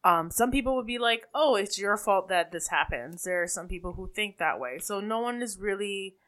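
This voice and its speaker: A woman's voice: mid-range voice, expressive, moderate pace, fairly bright tone. A woman with a Caribbean accent co-hosting a casual true-crime chat, talking in a hesitant, self-correcting way. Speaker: podcast co-host.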